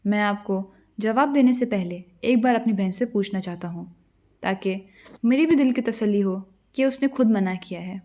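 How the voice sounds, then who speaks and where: A calm, loyal male fairy from a storybook, speaking gently and with respect, as a woman narrator voices him. His manner is soothing and measured. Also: medium pitch, lightly acted. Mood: gentle, respectful.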